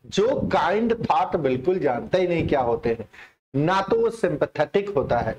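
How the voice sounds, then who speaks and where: Chatty man teaching vocabulary. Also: a little high. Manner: explains in Hindi mixing English terms, chatty and repetitive. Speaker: English teacher. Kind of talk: online exam-prep lesson.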